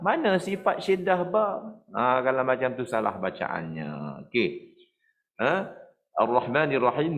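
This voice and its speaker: A middle-aged man with a Malaysian Malay accent teaching Quran recitation, explaining patiently and chanting verses slowly to demonstrate. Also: medium pitch, lo-fi sound.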